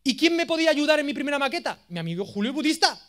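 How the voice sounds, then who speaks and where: A man in his thirties with an accent from Spain, giving a course lecture as a lively, self-mocking storyteller. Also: extremely high pitch, racing. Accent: Spain Spanish. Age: 30s. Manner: animated, self-mocking, jokey.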